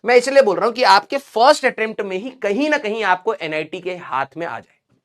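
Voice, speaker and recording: A man's voice: high voice, animated, brisk. A male coaching teacher gives a motivational lecture to his students. He speaks directly and in a fatherly way, drilling the same points home again and again. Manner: fatherly and direct, calls students 'beta', repeats key points.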